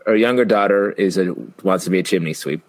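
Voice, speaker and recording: A man's voice: low-pitched, fast. A middle-aged man chatting and joking casually as a panelist on a show.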